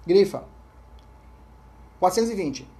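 A man with a Brazilian Portuguese accent teaching an exam-prep law lecture. He reads statutes aloud, repeats key points, keeps checking in with his listeners and often trails off into a low murmur. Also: expressive, a little slow, warm tone.

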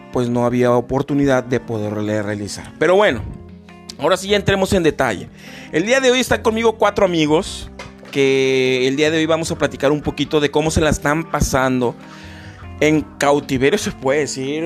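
A man hosting a podcast in casual chat, rambling with many fillers and restarts. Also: on the high side. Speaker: podcast host.

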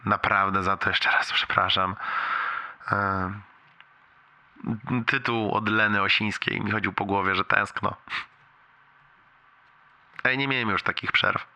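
A man's voice: lowish voice, pushed and bright. A young man leaving a long, rambling voicemail for a friend, candid and casual, swearing now and then.

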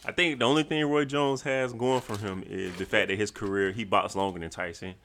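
A man's voice: fairly low pitch, steady tone, brisk, a bit bright, slight background noise. A man co-hosting a podcast in casual chat, laid-back, slangy and swearing freely. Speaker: podcast co-host.

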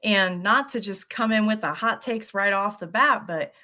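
A woman hosting a podcast interview, chatting casually and warmly affirming her guest. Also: mid-range voice, moderate pace. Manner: enthusiastic, affirming. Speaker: podcast host.

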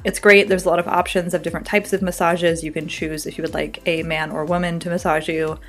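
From her home in Brooklyn, a podcast host reads ads and chats casually and upbeat with a guest. Her voice is fairly low and level in tone, she talks quickly, and faint music plays behind her.

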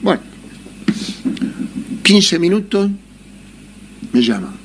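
A man's voice: sits high, big pitch swings, drawn-out words, noisy background. A man with an Argentine accent telling a casual anecdote, laughing often and acting out the voices of people in his story. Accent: Argentine Spanish.

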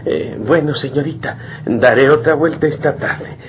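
An actor playing a kindly, jovial hospital doctor in a radio drama, reassuring and avuncular. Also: male voice, a little high, moderate pace, close to an everyday voice. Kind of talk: old radio drama acting. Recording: dull, noisy old radio recording.

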